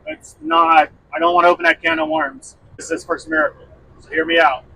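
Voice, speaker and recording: A man's voice: on the high side, flat delivery, a little fast, pushed and bright, dry recording, rough recording. A man voicing a reluctant young man who is dodging a favor, with a grumbling, evasive manner.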